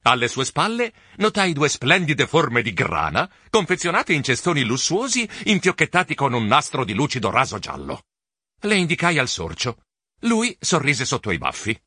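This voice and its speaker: Bright, animated male storybook narrator. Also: medium pitch, normal speed, slightly rough, dry recording, studio quality. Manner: animated, expressive reading. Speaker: audiobook narrator. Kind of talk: first-person storybook narration.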